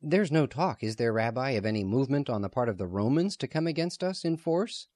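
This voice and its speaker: A man's voice: mid-range voice, animated, darkish tone, no room sound, studio quality, pitched above the performer's own voice, lightly acted. A man reading the part of a grave, cautious man who warns gloomily about war. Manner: grave, measured.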